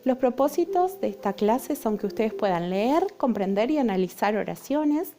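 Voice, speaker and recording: A woman's voice: fairly high pitch, animated, normal speed, over music. A young adult woman teacher, explaining a lesson patiently and often checking in with her students. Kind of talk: recorded online lesson.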